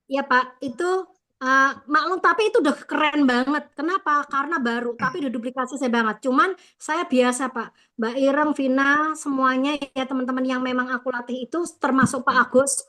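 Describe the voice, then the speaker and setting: High, bright-voiced woman sales trainer. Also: a little fast. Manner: lively, effusive praise and coaching. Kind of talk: online sales training coaching.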